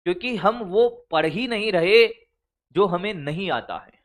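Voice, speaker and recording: A man's voice: high voice, animated, measured pace. A male teacher giving blunt, scolding study advice to exam students, calling them brother and son. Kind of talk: motivational study advice lecture.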